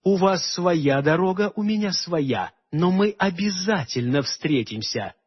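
A man's voice: high-pitched, expressive, unhurried, breathy edge, highs cut off, heavily acted. Man voicing a sultry scheming fairy queen. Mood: scornful. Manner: sultry, soft, then icy and mocking.

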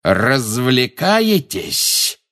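Man doing a menacing teacher, audiobook, slow, cold, bitter. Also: fairly low pitch, big pitch swings, a bit bright, full character voice.

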